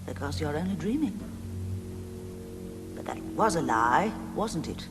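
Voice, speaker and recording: A woman playing a gentle, sorrowful fairy in a dream, speaking softly, half-whispered. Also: low-pitched, sing-song, unhurried, over music. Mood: tender. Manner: soft, hushed, half-whispered. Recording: long reverberant hall sound.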